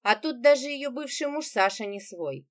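A woman narrating an audiobook, giving each character's lines lively shifts in pitch. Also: moderate pace.

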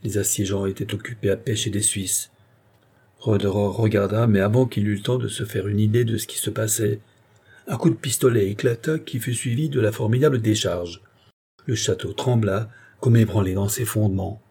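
Guy reading an audiobook, low dark husky voice, steady. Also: normal speed. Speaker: audiobook reader. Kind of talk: scripted narration.

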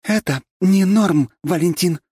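A man's voice: high voice, normal speed, slightly rough, no echo, pitched above the performer's own voice. A man voicing a stern, scolding young woman who heads the student council. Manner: strict, scolding.

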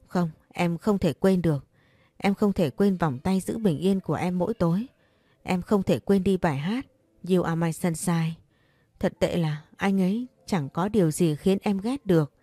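A woman's voice: on the low side, normal speed, dark tone, no echo, natural voice. Woman reading a heartbroken young woman pleading. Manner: pleading, desperate. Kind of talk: audiobook character reading.

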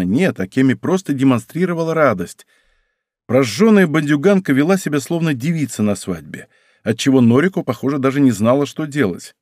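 A man reads a first-person story aloud as an audiobook, his pitch rising and falling a great deal. His telling is expressive and conversational, close to everyday talk. The recording is dry and close, with no room sound. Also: no room sound. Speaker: audiobook narrator.

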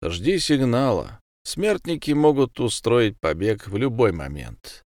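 A man's voice: medium pitch, big pitch swings, a little slow, darkish tone, no echo, clean studio sound. A man voicing a cold, calculating prison gang boss who speaks in terse commands. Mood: commanding.

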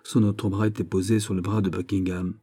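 Husky, dark-voiced male narrator. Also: sits low, level tone, brisk. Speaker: audiobook reader. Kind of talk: classic novel narration.

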